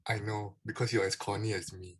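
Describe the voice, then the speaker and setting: A man's voice: lowish voice, level tone, fairly quick, a bit bright, husky. A man chatting casually and throwing in quips. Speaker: contestant in a dad joke contest. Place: video call.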